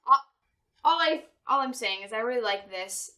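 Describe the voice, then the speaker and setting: Co-hosting a casual chat, a young woman speaks at a normal speed in a fairly high, animated, sharp-toned voice. She can't pronounce R well, saying W in its place.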